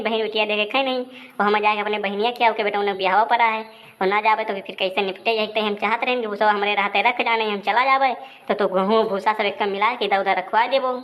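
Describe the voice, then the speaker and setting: Scolding wife, heavy. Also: female voice, medium pitch, fairly bright tone. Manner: scolding, complaining. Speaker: wife character in a comedy sketch. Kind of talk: village comedy sketch.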